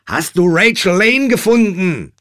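A man voicing a worried man on a phone who shouts and pleads urgently. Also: medium pitch, big pitch swings, measured pace, dry recording, studio quality, voice pushed up. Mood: frantic.

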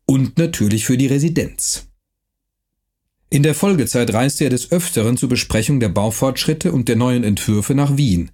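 Husky-voiced male audiobook narrator. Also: medium pitch, darkish tone. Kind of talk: scripted historical novel narration.

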